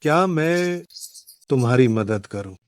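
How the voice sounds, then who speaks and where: A man's voice: medium pitch, animated, a little slow, clear, resonant tone, no echo, lightly acted. A man voicing a lecherous, sleazy man preying on a woman at a party, in a leering, taunting tone in a dubbed drama.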